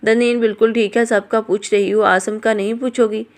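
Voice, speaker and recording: A woman's voice: a little high, little pitch movement, moderate pace, natural voice. A woman voicing a fond middle-aged woman. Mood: affectionate. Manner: warm and affectionate.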